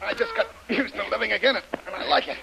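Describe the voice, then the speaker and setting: A cocky adventure hero. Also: male voice, sits high, wildly swooping pitch, fast, gravelly, heavy background noise, full character voice. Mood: defiant. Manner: bold, teasing under pressure. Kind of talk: 1930s radio drama acting.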